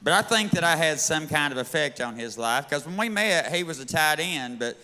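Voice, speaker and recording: A man's voice: fairly high pitch, expressive, moderate pace, bright, forceful tone, long reverb tail. A man with a Southern US accent doing a brash, bawdy, drawling live stand-up set on a bar stage. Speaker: stand-up comedian.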